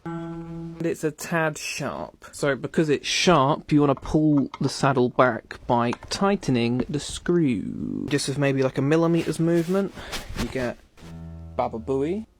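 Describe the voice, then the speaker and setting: A man's voice: fairly high pitch, very animated, unhurried. A man narrating a casual guitar repair tutorial in a jokey, playful way, with the odd swear.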